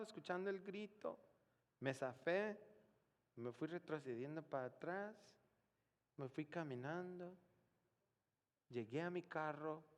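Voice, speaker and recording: A male pastor preaching a sermon, telling a story dramatically, dropping to a hush and then rising to shouts. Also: fairly high pitch, long reverb tail. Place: church.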